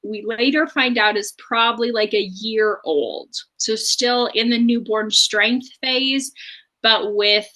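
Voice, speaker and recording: A woman co-hosts a book podcast, recapping chapters in a chatty, casual discussion sprinkled with fillers. Her voice is fairly high and sharp, and she takes her time.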